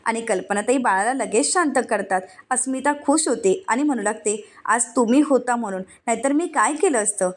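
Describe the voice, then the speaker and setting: A woman's voice: fairly high pitch, normal speed, hardly any pauses. A woman with a Marathi accent narrating a TV serial recap, reading every character's lines in her own voice.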